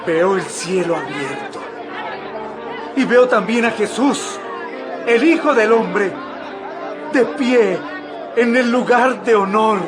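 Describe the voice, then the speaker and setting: Impassioned high-voiced preacher Stephen. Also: male voice, lively intonation, slow, long pauses, a crowd in the background. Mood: awed. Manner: oratorical, emphatic, declamatory. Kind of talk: dramatized audio Bible acting. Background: background music.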